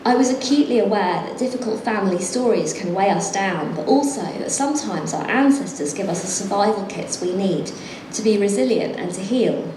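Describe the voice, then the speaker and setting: At an event venue, a middle-aged woman with a medium-pitched, expressive voice reads from her own book, then chats as a guest. She speaks briskly, pokes fun at herself and laughs a lot, with reverberation and background noise in the room.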